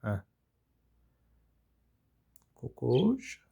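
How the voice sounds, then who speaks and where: A man's voice: medium pitch, wildly swooping pitch, extremely slow, gravelly, warm tone. A man talking affectionately to his pet budgies in casual, coaxing baby talk. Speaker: budgie owner.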